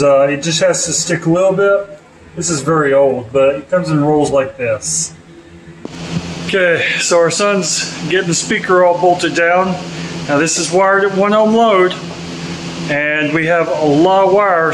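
This middle-aged vlogger speaks unhurriedly in a fairly high voice, thinking aloud while doing casual hands-on car audio installs and reviews. Filmed in a garage, a car, and a house interior, the recording has a roomy echo and a noisy background.

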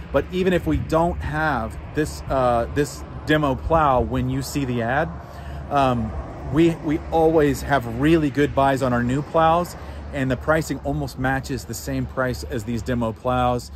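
A man's voice: fairly high pitch, a little hiss or hum. A man in his thirties giving a casual sales walkthrough outdoors in a sunny equipment lot, talking plainly with lots of fillers into a phone held at arm's length. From Missouri, USA. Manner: chatty, plainspoken, frequent fillers. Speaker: equipment dealer presenting a product. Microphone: phone camera held at arm's length.

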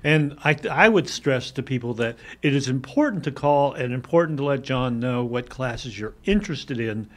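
A man's voice: medium pitch, animated, normal speed, few pauses. Chatty older man hosting. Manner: chatty, agreeable, frequent yeahs. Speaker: host. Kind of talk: casual studio interview. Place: TV studio. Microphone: desk microphone on stand.

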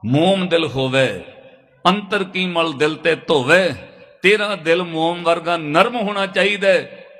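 A man's voice: on the high side, pushed and bright. A man preaching a storytelling sermon to a congregation, earnest and pleading, sometimes breaking into sung verses. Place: large hall with a congregation. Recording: long reverb of a large hall.

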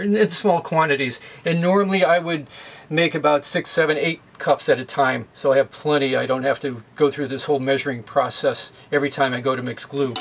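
A middle-aged man hosting a sailing how-to video demonstrates at a boat's galley sink, explaining each step plainly and methodically with the odd filler. His voice is fairly high and a bit bright. There's a little hiss or hum.

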